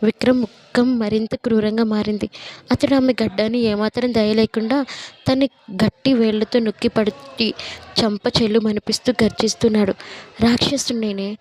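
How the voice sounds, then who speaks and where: A woman narrating an audio story with a steady, even reading. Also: a little high, moderate pace.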